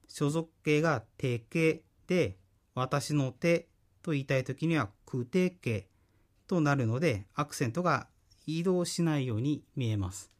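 Slow, careful male radio teacher. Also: fairly high pitch. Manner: slow, careful explanation with frequent pauses. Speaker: language teacher. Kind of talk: radio language lesson. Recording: radio broadcast.

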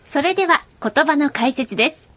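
A woman's voice: high-pitched, lively intonation, normal speed, fairly bright tone, lo-fi sound, soft background music. A woman co-hosting a radio language program, encouraging listeners and introducing segments. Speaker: radio co-host.

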